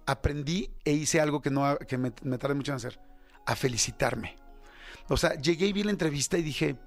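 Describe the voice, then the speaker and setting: A man's voice: on the high side, a little fast, soft background music. Chatty Mexican man in his fifties. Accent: Mexican Spanish. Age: 50s. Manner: candid, self-critical, chatty with many fillers. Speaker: radio host. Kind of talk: casual radio monologue.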